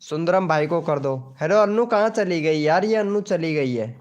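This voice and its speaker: Young man, slightly high voice, teasing live-stream chatter. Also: expressive, normal speed, highs cut off. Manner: jokey, teasing, calls out to viewers by name. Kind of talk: casual live stream chat.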